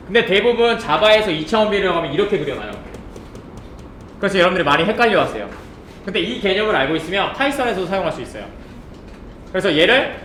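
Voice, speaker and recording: Male coding instructor, lively animated delivery, roomy room, faint keyboard typing behind. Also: a little high, a little hiss or hum. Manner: rhetorical questions, checks understanding often. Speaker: programming instructor. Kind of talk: live coding lecture.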